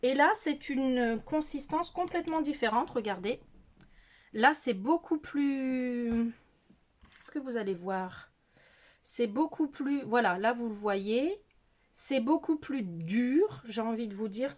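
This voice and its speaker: A middle-aged woman walks through her makeup in her bedroom, speaking in an animated, rather high voice at a slow pace. Captured on a phone camera, this beauty vlogger is hesitant, leans on fillers, and laughs at herself.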